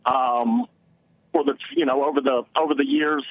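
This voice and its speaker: A man with an Alabama Southern accent calling a show to discuss politics in a halting, wordy way. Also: fairly high pitch, very animated, gravelly, no room sound. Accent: Alabama Southern American. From Alabama, United States. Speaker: first-time caller. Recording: muffled phone call.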